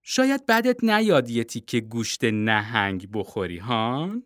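A storybook reader voicing a calm mother who teases her son. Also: medium pitch, no echo, studio quality, pitched below the performer's own voice. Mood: teasing. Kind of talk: storybook reading.

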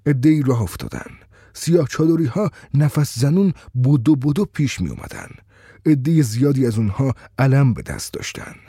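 Man telling a story in first person, dark mellow voice, bit husky, dry close mic. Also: medium pitch, dry recording. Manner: steady, conversational storytelling.

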